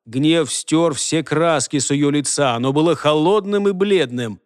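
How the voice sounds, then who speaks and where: A man reading a novel aloud as narrator, measured and expressive. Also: fairly high pitch, smooth, no echo, clean studio sound. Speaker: audiobook narrator. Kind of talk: scripted narration.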